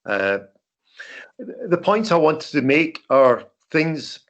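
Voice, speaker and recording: An older man with a broad Scottish accent giving an informal talk as a veteran journalist, halting and repeating words. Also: on the high side, big pitch swings, fairly bright tone. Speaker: veteran journalist, guest speaker. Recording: dull lo-fi call audio.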